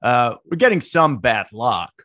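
A man's voice: mid-range voice, very animated, a little slow, pushed and bright, dry recording. Rambling middle-aged man, dry sound. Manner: rambling, digressive, many restarts. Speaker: podcast co-host. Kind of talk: casual sports chat.

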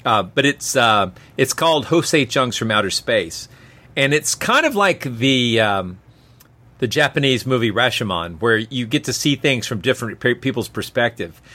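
A man's voice: mid-range voice, very animated, moderate pace, bright, forceful tone. A man co-hosting a podcast, talking in an engaged, conversational way. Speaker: podcast co-host. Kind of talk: casual podcast chat and scripted show outro.

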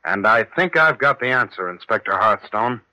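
A bright, eager newspaper reporter. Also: male voice, lowish voice, lively intonation, dull audio. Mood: urgent. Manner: quick, urgent and eager. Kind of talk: 1950s radio drama acting.

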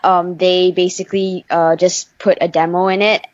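A young woman from Malaysia, a singer guest chatting in an interview, lively and quick to laugh. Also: on the low side, no echo, muffled recording. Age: young adult. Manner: chatty, animated, laughs often. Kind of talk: casual interview chat.

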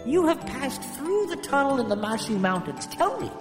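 A man voicing a kind woman tavern keeper in a storybook tale, speaking gently and warmly welcoming. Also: very high-pitched, big pitch swings, moderate pace, roomy sound, big-room sound, over music, voice pushed up.

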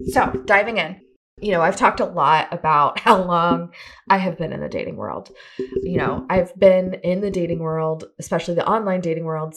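A woman in her thirties hosting a casual solo podcast, chatty and upbeat with a self-deprecating streak, her voice hoarse from a cold. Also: fairly low pitch, fairly bright tone. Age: 30s. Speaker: podcast host.

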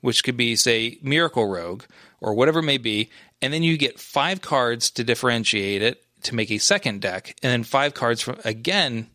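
A man co-hosts a laid-back gaming podcast and works through his points with frequent restarts and fillers. His voice sits at an ordinary pitch and is recorded close and dry, with no room sound. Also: normal speed, bright, forceful tone, no room sound. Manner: rambling, many restarts and fillers. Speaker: podcast co-host. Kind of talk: casual esports chat.

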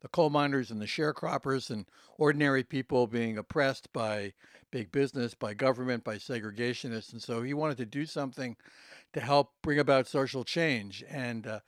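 A man with a medium-pitched voice gives an expert interview answer. He lectures like a professor, telling history factually, on a dry recording with no room sound. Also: normal speed, no echo.

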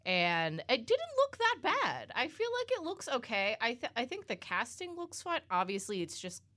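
A woman on a casual podcast, rambling excitedly through her opinions. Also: on the high side, moderate pace. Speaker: podcast co-host. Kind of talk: casual chat.

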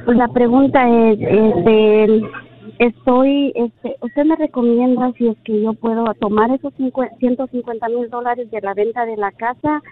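A woman's voice: fairly high pitch, steady tone, a little slow. A middle-aged woman calling in to a radio advice show over the phone, talking hesitantly with many fillers. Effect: heard over the phone. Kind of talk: casual phone call. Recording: tinny phone line.

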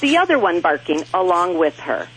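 A woman phoning a radio show, chatting casually in a husky voice over a phone call. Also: on the low side, sing-song, moderate pace, a bit bright, a little hiss or hum.

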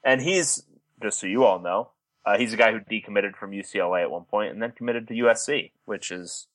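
A man's voice: on the low side, fairly quick, fairly bright tone, dry recording, rough recording. A man co-hosting a sports talk show, chatting casually and with enthusiasm.

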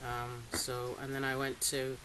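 A woman's voice: extremely low pitch, monotone, a little slow, a bit bright, poor audio. Chatty middle-aged woman, faint hiss. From Singapore. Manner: chatty, laughs often, hesitant with fillers. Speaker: interviewee, farmer. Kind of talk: casual interview. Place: polytunnel on a farm. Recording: faint hiss, rain on tunnel.

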